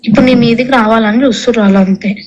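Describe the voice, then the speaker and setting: A woman's voice: a little high, fairly even intonation, very fast, a little mellow. A young woman with a Telangana Telugu accent talking casually over a phone call, colloquially relaying what others said in direct quotes. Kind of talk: casual private phone conversation.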